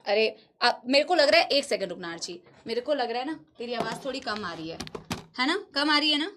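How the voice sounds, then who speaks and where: A woman's voice: on the high side, expressive, fairly quick, bright, forceful tone, slight background noise. A woman teacher talking casually and fondly to her students in a live online class, speaking through a laptop. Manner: chatty, addresses students fondly.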